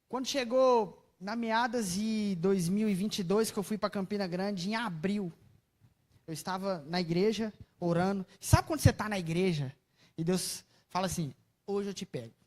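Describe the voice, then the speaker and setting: A woman's voice: mid-range voice, normal speed. Brazilian woman preacher, mid-range voice, chatty and dramatic sermon storytelling. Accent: Brazilian Portuguese. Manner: expressive storytelling, swinging between soft asides and loud exclamations; chatty, asks the audience questions.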